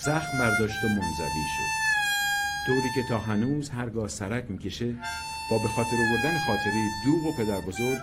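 A man reading a short story aloud in a dramatic, expressive narration. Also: on the low side, over loud music. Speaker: story reader. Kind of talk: scripted narration.

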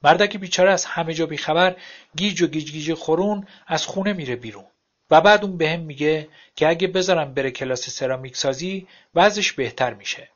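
A man narrating a story aloud in a wry, plain storytelling manner. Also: on the high side. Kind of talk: audiobook narration. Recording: dull lo-fi recording.

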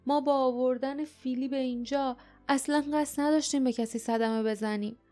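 Woman reading as an urgent young hero, raised pitch, pleading, storybook. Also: fairly even intonation, mellow, soft background music, natural voice.

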